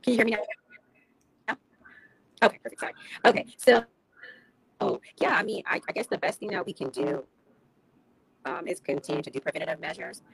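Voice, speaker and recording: A woman's voice: medium pitch, very animated, a little fast, creaky, long pauses, a bit bright, rough recording. Woman on a call that keeps cutting out. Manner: thoughtful, restarts phrases, rhetorical questions. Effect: call audio cutting in and out. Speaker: panel guest. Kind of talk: remote panel discussion. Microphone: remote call connection.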